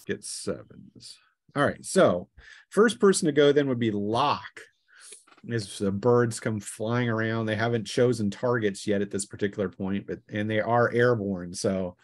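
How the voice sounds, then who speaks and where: A man with a lowish voice runs a tabletop role-playing game as game master, mixing halting, casual narration with talk about the rules. The recording is dry.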